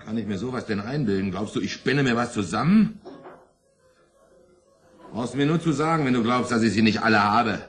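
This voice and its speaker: A man's voice: mid-range voice, normal speed, pauses often, slight background noise, natural voice. An actor playing a troubled man who hears a voice, talking in a rambling, boastful then defensive way in a radio play.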